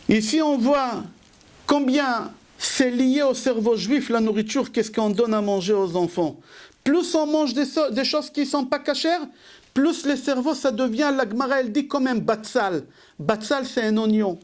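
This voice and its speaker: A rabbi giving a sermon, who asks rhetorical questions, answers them himself and repeats key phrases for emphasis. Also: male voice, extremely high pitch.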